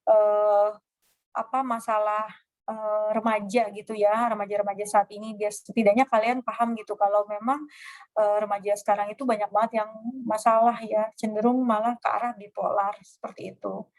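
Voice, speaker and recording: A woman gives an informal lecture, talking through her slides at an easy pace. She pauses often with fillers and slips into short acted example questions as she goes. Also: mid-range voice, level tone.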